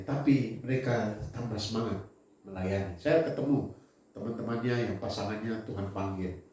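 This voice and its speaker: A man preaching a sermon in an animated way, swinging between loud emphasis and quiet asides. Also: medium pitch. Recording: very echoey hall, voice from far off.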